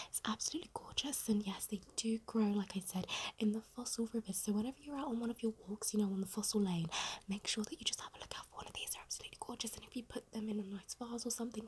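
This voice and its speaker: A British woman in a breathy, close-up whispered role-play, doing fast aggressive ASMR and rambling with rapidly repeated short phrases. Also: medium pitch, slight background noise. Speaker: ASMR creator. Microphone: very close microphone.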